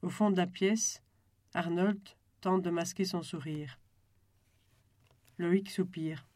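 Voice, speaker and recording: Calm audiobook narrator, dry sound. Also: medium pitch, takes it slowly, no echo.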